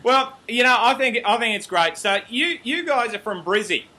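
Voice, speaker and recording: A man's voice: very high-pitched, animated, moderate pace, sharp tone. An Australian man hosting a casual interview, upbeat, chatty and joking with his guests. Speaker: interview host.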